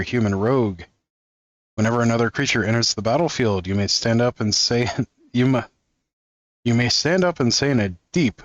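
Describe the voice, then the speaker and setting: A man's voice: lowish voice, no echo, dull audio. A man hosting a card-opening video, reading card text aloud in a casual, amused way and chuckling often. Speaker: card-opening channel host.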